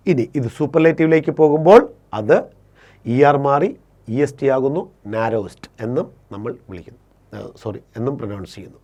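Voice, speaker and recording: A man teaching an English grammar lesson, explaining each rule step by step, often repeating himself and correcting his own slips. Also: mid-range voice. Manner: slows and stretches English rule sentences.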